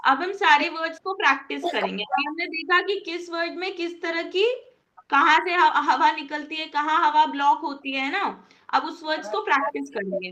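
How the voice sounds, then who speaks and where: A woman teaching an online English phonics class, patient and encouraging, repeating each sound slowly for her students. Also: very high-pitched, sharp tone.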